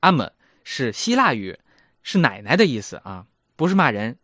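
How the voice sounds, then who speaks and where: A man's voice: mid-range voice, big pitch swings, normal speed, fairly bright tone, dry recording, clean studio sound. A man in his thirties hosting a casual language lesson, chatty and self-mocking. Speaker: German language teacher and host.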